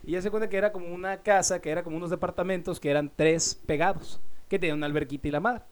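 High-voiced Mexican man telling a story. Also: rapid-fire, clean tone. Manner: slangy, animated storytelling. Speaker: storyteller in a chat. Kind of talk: casual chat.

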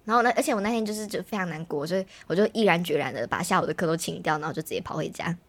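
A young woman, telling a personal story in animated, casual chat as a podcast host. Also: lowish voice. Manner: fast, animated storytelling, mimics others' voices.

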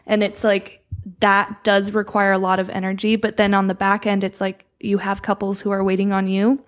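Flat-voiced reflective woman podcaster. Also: mid-range voice, moderate pace. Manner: reflective, earnest, with light laughs. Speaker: podcast co-host. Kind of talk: casual podcast chat.

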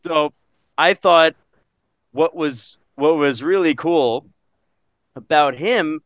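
A man chatting casually in a movie review podcast, animated and laughing often as he acts out lines from the film. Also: fairly high pitch, slow pace, no echo. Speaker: podcast co-host.

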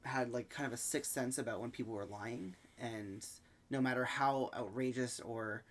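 A man hosting a podcast and recapping an episode in a relaxed way, with lots of ums. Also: mid-range voice. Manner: easygoing, halting with many ums. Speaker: podcast host. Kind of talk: casual recap chat.

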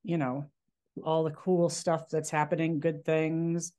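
A woman's voice: low-pitched, level tone, unhurried, mellow. A woman guest on a podcast, telling stories casually with fillers and restarts. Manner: rambling, many fillers and restarts. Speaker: magazine guest. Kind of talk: casual interview chat.

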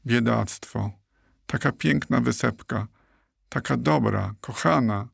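A man voicing a cheerful, excitable male guinea pig in an audiobook, exclaiming playfully. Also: medium pitch, moderate pace, gravelly, no room sound, studio quality. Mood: tender.

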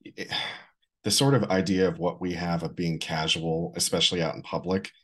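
Very deep, husky-voiced man. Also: normal speed. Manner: relaxed, knowledgeable, wry. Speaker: podcast co-host. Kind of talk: casual chat.

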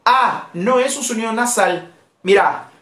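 Slow, lively teacher in a roomy space. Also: medium pitch. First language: Portuguese. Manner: patient, repeats phrases slowly for learners. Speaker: language teacher. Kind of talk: live online language lesson. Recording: roomy echo.

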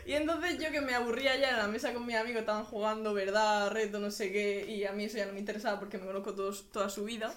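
A woman's voice: mid-range voice, little pitch movement, quick pace, hardly any pauses. A young woman with a Murcian Spanish accent telling a funny story on a podcast as a guest, often laughing and acting out the dialogue. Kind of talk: casual storytelling. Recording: echoey room.

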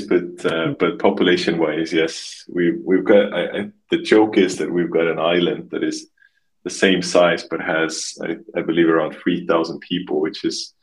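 A man from Estonia in his thirties, a podcast guest talking casually and haltingly, often restarting and repeating words. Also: sits low, rough recording. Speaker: podcast guest, marketing expert. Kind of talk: casual interview conversation.

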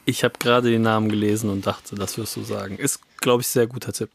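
A man's voice: fairly low pitch, flat delivery, quick pace, gravelly, slight background noise. A man co-hosting a casual podcast chat, slangy and joking, letting his voice drop away at the end of his points. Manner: slangy, joking, trails off quietly at ends of points. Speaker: podcast co-host.

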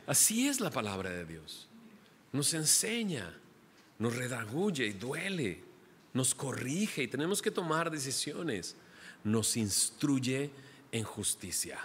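A man preaching a sermon to a congregation, animated and joking with the listeners. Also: mid-range voice, slight background noise. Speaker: pastor. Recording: long hall reverb.

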